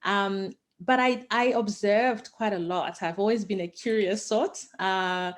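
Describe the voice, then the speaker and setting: A woman's voice: mid-range voice, steady tone, measured pace. A woman from Zimbabwe, talking enthusiastically and passionately as a guest in a casual interview. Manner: enthusiastic and passionate, with many fillers. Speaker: guest, founder of investing education company.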